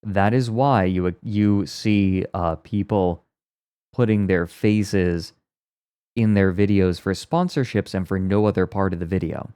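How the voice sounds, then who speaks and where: A man's voice: low-pitched, measured pace, mellow, clear, resonant tone, no echo, studio quality. A man streaming and chatting casually as he reacts to a video, rambling and explaining with wry asides, his voice muffled because he records under a blanket for sound deadening. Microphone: close mic inside a blanket fort.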